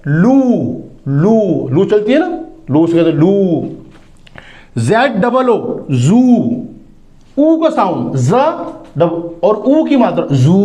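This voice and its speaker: A man teaching English phonics, sounding out words slowly, repeating them and asking rhetorical questions. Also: high-pitched, darkish tone. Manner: drawn-out sounding of words, repeating each word. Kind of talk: phonics lesson.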